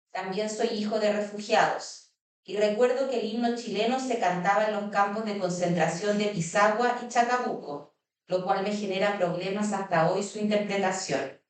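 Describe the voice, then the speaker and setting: A woman moderates a panel and reads a passage aloud, measured and steady. Her voice sits at a middle pitch. It comes from a distance and rings through a large, echoey hall. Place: consulate event hall.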